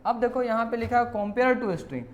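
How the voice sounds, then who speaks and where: A man's voice: very high voice, normal speed, muffled recording. A male teacher, walking students through exam questions. He talks playfully and keeps asking questions back to the class. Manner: playful, repeats questions to students, calls them "beta". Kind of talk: exam question walkthrough lesson.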